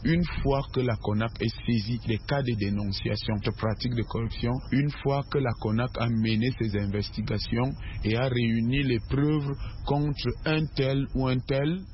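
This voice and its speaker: A man's voice: medium pitch, fairly even intonation, normal speed. A man, an anti-corruption official, explaining procedure in a formal, bureaucratic way. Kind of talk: interview clip. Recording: lo-fi field recording with faint noise.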